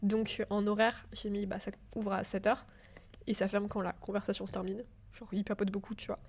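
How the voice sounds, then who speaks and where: A woman's voice: medium pitch, little pitch movement, a little fast, creaky, a little mellow, slight background noise. Chatty young French woman, nervous. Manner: chatty, filler-heavy, addresses the viewer as tu. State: a bit nervous. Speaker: digital school student. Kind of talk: casual screen-share walkthrough.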